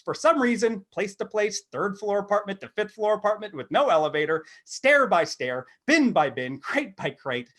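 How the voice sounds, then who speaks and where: A middle-aged American man with a slightly high voice co-hosts a podcast. He rambles in an animated, self-deprecating way, sitting somewhere between a comic monologue and a casual chat.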